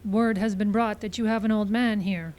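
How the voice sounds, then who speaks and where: An actress performs old-time radio western at a live stage show in a park, playing the proud, solemn middle-aged Pawnee daughter of an old man, speaking in formal, simple sentences with solemn dignity. Her mid-range, darkish voice keeps a fairly even intonation at normal speed, lightly acted.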